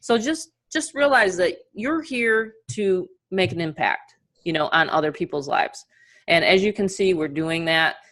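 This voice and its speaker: A woman with a New York accent coaching an online webinar in a casual, chatty, encouraging and energetic way. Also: fairly low pitch, unhurried. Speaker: online marketing coach and host. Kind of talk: casual webinar training and motivational talk.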